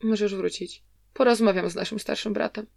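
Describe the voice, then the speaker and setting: A woman voicing a soft-spoken, gentle peacemaker. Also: mid-range voice, fairly even intonation, fairly quick, vocal fry, no echo, studio quality. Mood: soothing. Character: gentle, calm middle brother peacemaker.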